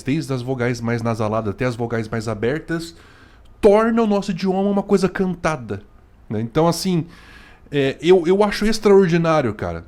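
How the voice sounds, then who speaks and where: A man's voice: mid-range voice, a little mellow. A Brazilian man hosting a casual reaction commentary, chatty and slangy, tagging his sentences with "né" and "cara". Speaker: host reacting to a video.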